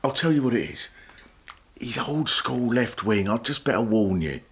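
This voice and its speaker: An actor as an awkward, placating bloke. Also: male voice, medium pitch, expressive, moderate pace, close to an everyday voice. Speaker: stepdad-to-be. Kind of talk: sitcom acting.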